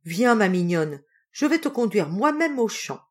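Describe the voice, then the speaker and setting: Woman doing an angry old storybook tailor, lively exclamations. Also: medium pitch, measured pace, pitched above the performer's own voice. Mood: coaxing. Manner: exclaiming, scolding. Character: old tailor, quick-tempered and indignant.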